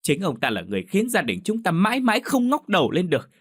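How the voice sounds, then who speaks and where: A man's voice: high voice, huge pitch swings, fast, husky, voice pushed up, heavily acted. A man voicing a defiant teenage daughter who lashes out in raised, accusing outbursts.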